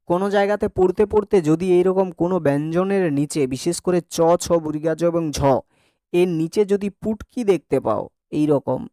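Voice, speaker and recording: A man's voice: high voice, mellow, dry recording, studio quality. Male teacher drilling pronunciation. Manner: repeats words to drill pronunciation; asks the class checking questions. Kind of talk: classroom lesson on Bengali grammar.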